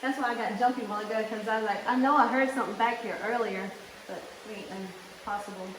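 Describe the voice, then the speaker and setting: A woman's voice: on the high side, steady tone, fairly bright tone. A woman visiting a cave on a tour, jumpy and nervous, her voice echoing off the cave walls. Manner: jumpy, nervous, quick to laugh. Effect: cave echo. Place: inside a cave. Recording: echoey cave, distant mic, hiss.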